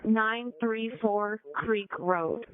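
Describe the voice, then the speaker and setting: A woman's voice: a little high, drawn-out words. A woman dispatcher speaking in police radio style over a narrowband two-way radio. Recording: narrowband scanner radio feed.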